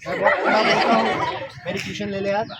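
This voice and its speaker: A loud crowd makes this recording very noisy as a high-pitched man talks quickly with little pitch movement. He leads an interactive mind-power workshop for school students, teasing and quizzing them with questions.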